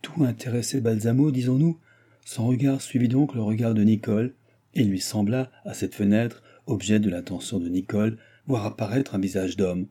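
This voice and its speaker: A man narrating a classic novel in a steady, measured audiobook reading. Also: fairly low pitch, husky.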